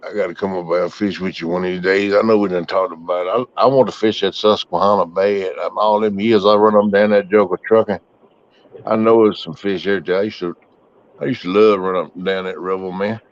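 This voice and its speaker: A man's voice: sits low, steady tone, fairly quick. A middle-aged man, casually chatting with his livestream viewers in a rambling, folksy way. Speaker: livestream host. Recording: muffled, dry.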